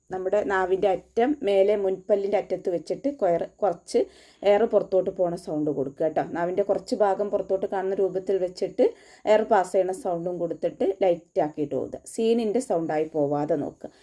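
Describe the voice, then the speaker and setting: A woman teaching Quran recitation, going slowly line by line and explaining where to place the lips and tongue for each sound. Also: on the low side, dark tone. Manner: patient and methodical, gives mouth and tongue placement cues. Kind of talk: tajweed lesson, slow line-by-line instruction.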